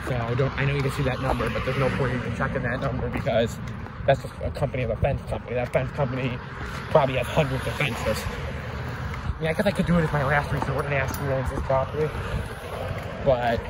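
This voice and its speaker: A man's voice: medium pitch, steady tone, brisk. Rambling man filming by a busy road. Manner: rambling, repeats himself, frequent restarts. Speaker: vlogger exploring closed stores. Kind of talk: casual filmed walkaround commentary. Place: outdoors by a fenced empty parking lot near busy road. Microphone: phone camera held by the speaker. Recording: phone video with loud traffic noise. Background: passing traffic.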